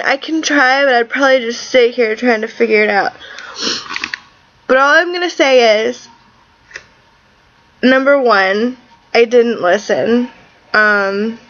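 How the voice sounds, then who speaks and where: A woman speaks slowly in a fairly high voice, recovering from tonsil surgery with a sore throat. She is blunt and exasperated, chatting casually as in a personal video diary. The sound is a little dull and lo-fi. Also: a bit bright. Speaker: vlogger.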